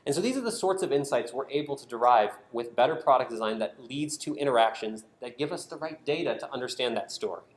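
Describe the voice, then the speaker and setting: This conference presenter, who works on a public radio network's design team, talks fast with lively intonation and barely pauses. His voice sits at a medium pitch as he explains his prepared points with strong emphasis. The indoor talk carries an echoey room sound.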